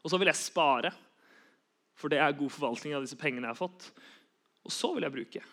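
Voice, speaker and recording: A man's voice: fairly high pitch, fairly bright tone. A young man giving an earnest sermon, repeating key phrases for emphasis. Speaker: preacher.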